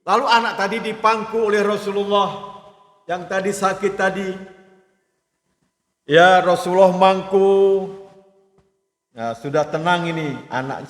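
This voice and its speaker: A middle-aged man teaching hadith to a congregation, reading Arabic and explaining it phrase by phrase with frequent asides to listeners. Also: high voice. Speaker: Islamic teacher. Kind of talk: religious study lecture. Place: mosque hall. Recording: echoey hall, long reverb.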